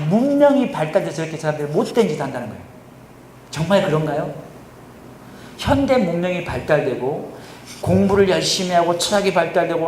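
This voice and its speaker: A male pastor preaching a sermon, often asking the congregation questions and answering them himself, his voice swinging between loud and quiet. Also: a little high, slight background noise. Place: church sanctuary. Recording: echoey church hall recording.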